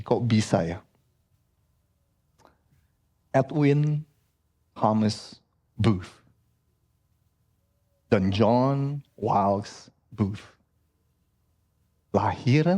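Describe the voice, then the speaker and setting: Man preaching an animated sermon. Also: on the low side. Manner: animated preaching, frequently addressing the congregation as "saudara". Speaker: pastor. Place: church.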